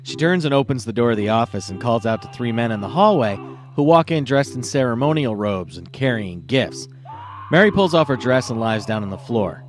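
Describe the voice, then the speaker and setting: A man hosting a podcast, telling a crude joke with a laughing, animated delivery. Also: medium pitch, fairly quick, faint music behind. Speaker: podcast host. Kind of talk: comic storytelling.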